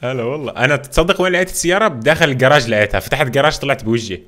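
A man giving live commentary while he plays a survival role-play game, excitable and full of exclamations, with English gaming slang dropped in. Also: mid-range voice, rapid-fire. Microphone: home gaming mic that a friend says sounds off.

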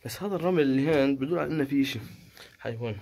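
Filming inside a rock cave on a handheld phone or camera, a cave explorer with a Palestinian Arabic accent narrates unscripted observations and pauses to speculate. His mid-range voice is creaky with a darkish tone, and the handheld audio carries faint noise.

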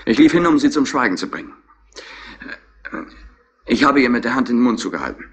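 A man's voice: medium pitch, lively intonation, fairly quick, dull audio, lightly acted. A man playing a sullen, defiant young petty burglar in a 1960s radio crime drama, giving impatient answers. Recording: old radio play with faint hiss.

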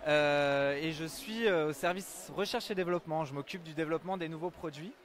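An enthusiastic young man in his twenties answers questions at a crowded trade stand. His voice sits a little high for a man, and the interviewer holds a handheld mic to him. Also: brisk. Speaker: research and development employee. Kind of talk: live event interview. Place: busy indoor exhibition hall. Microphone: handheld mic held by the interviewer.

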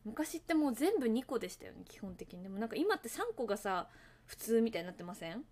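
Chatty woman livestreaming, slightly high voice. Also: big pitch swings, fast, darkish tone. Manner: rambling, chatty, talks to viewers and laughs at herself; hums and sings along to songs between topics. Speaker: livestream host. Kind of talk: casual livestream chat.

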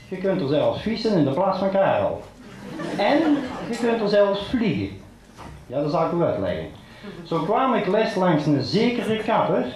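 A man performing a carnival stand-up monologue, chatty and punchline-driven, telling local jokes. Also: high-pitched. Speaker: carnival comedian. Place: large hall before a live audience. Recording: echoey hall with loud crowd laughter.

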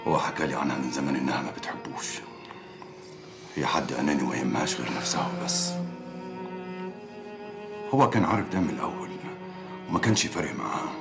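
A man's voice: very deep voice, vocal fry, heavily acted. An actor playing a troubled man who confides about a friend's marriage, speaking in a subdued, brooding way with an Egyptian accent. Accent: Egyptian Arabic. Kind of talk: TV drama acting.

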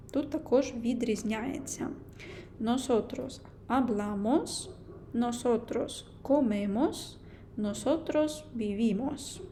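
A young woman teaching a language lesson, explaining grammar slowly and carefully, with frequent hesitations. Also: on the high side, mellow, slight background noise.

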